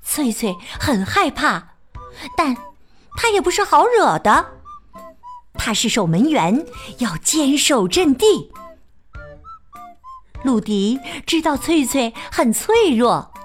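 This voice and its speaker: Slow, high-voiced woman storyteller. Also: faint music behind. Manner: slow, expressive and sing-song. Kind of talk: children's picture-book read-aloud.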